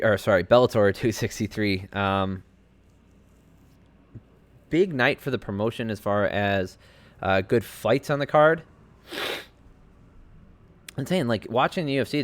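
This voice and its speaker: Low-pitched male podcast host, chatty and rambling, casual solo commentary from a home desk. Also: moderate pace, pauses often. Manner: rambling and chatty, heavy on fillers and asides. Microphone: home desk setup.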